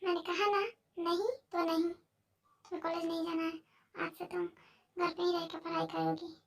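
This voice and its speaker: A woman's voice: very high-pitched, little pitch movement, normal speed, vocal fry, recorded from a distance. A woman voicing a possessive, controlling young husband who speaks in a cold, commanding way.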